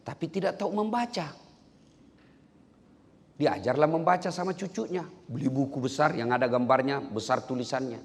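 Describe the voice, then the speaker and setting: A man's voice: mid-range voice, normal speed. A man preaching a humorous sermon to civil servants, telling jokes and acting out little characters. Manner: animated storytelling with jokes and acted voices. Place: large hall with live audience. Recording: long hall reverb.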